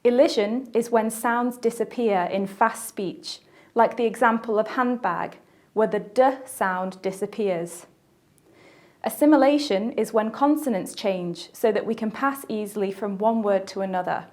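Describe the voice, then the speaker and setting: A woman with a British accent giving a scripted, measured teaching narration for a language course, pausing to let listeners reflect. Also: medium pitch, darkish tone. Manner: measured, clear teaching delivery with pauses for reflection.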